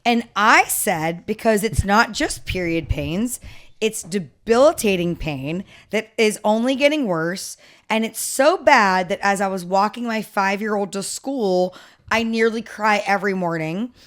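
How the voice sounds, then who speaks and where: A woman's voice: mid-range voice, lively intonation, unhurried, fairly bright tone. A woman co-hosting a casual podcast, reading listener stories aloud and chatting about them.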